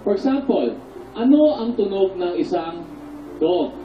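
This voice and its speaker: A man, a theater actor, patiently teaching voice and breathing exercises on a TV show, breaking into loud demonstration shouts. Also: high voice, expressive, a little slow, lo-fi sound, slight background noise. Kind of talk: instructive voice lesson on a TV show. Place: TV studio with a live audience. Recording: echoey studio, mic some distance off.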